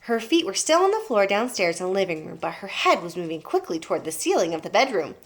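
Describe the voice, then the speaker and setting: A woman's voice: mid-range voice, sing-song, fast talker. A woman teacher reading a children's book aloud to her class and pointing out the pictures.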